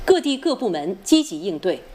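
A woman's voice: medium pitch, big pitch swings, moderate pace, dark tone. A woman with a standard mainland Mandarin accent reading headlines as a formal, precise news anchor. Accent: standard mainland Chinese Mandarin.

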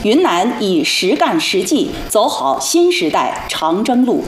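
A female formal news anchor reads scripted news in standard mainland Mandarin. Her voice sits at a middle pitch with lively intonation. The sound is slightly roomy. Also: a little slow, slight background noise. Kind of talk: scripted national newscast.

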